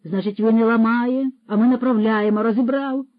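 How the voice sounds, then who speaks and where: Pompous, loud-lecturing male horse thief, put on by the audiobook narrator, a bit higher than the narration, dull dry storybook audio. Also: fairly even intonation, moderate pace, no echo, natural voice. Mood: scolding.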